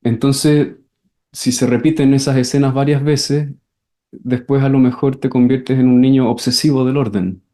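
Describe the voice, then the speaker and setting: Male teacher, mid pitch, explains calmly, then acts out scenes loudly. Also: normal speed. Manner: acts out scenes with sudden shouted voices, repeats words. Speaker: enneagram teacher. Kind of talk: class lecture with questions and answers.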